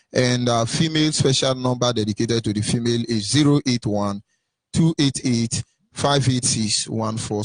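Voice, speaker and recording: A man working as a smooth radio call-in host, reading out the station's phone lines in a measured announcer manner and taking callers. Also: mid-range voice, no room sound, poor audio. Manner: smooth, measured announcer delivery, repeats numbers.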